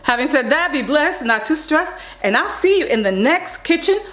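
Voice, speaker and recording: Here a woman with a high-pitched, fairly bright and expressive voice speaks at a normal speed in her casual cooking vlog. She's in her home kitchen under hot lights, chatty and playful as she cooks, and she signs off with a blessing.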